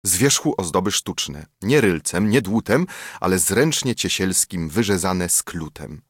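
Low husky man reading epic verse. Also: lively intonation, no echo, clean studio sound. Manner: measured, rhythmic poetry recitation. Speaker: audiobook narrator.

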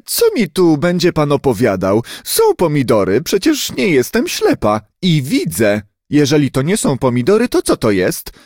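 A man voicing a stout, frightened lady on a train, shrill and panicky. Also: wildly swooping pitch, moderate pace, hardly any pauses, darkish tone, no room sound, clean studio sound. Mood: indignant.

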